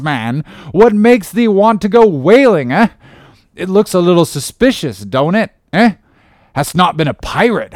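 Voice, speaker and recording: A man voicing a gruff, suspicious old male sea captain who blusters loudly in old-fashioned speech. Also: no echo, studio quality. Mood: blustering. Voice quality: loud, booming, archaic speech.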